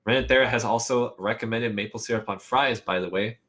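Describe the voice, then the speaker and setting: A young man casting a live esports match, rambling in a playful, excitable way between games. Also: mid-range voice, brisk, a crowd in the background. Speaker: esports caster. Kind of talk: casual live game commentary.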